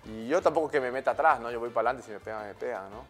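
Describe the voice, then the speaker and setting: A man in his thirties with a Peruvian Spanish accent, a guest telling stories in a relaxed, slangy way, often tagging his sentences with questions. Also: mid-range voice, racing, vocal fry, faint music behind. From Peru. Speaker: guest, former footballer. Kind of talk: casual interview storytelling.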